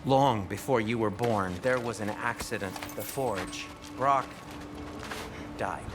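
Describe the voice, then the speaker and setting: An actor playing an anxious, squeamish dwarf blacksmith in a video game, fretful, hesitant and expressive. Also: male voice, fairly low pitch, slow, music in the background. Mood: confessional, guilty. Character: fussy, anxious male dwarf blacksmith, squeamish and guilt-ridden. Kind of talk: video game dramatic acting.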